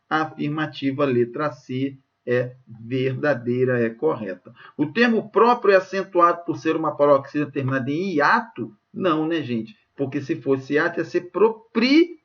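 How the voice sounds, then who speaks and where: A man with a Brazilian Portuguese accent teaches an exam prep lesson, explaining grammar questions in a didactic way and often checking in with "ok?" and "gente". His voice is on the high side with vocal fry and a fairly bright tone, and the sound is lo-fi.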